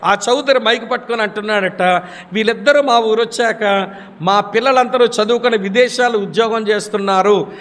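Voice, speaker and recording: A man preaching a sermon, telling stories and acting out the voices of the people in them. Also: fairly quick. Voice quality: high-pitched, animated storytelling with acted quotes. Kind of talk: sermon with storytelling. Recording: long hall reverb.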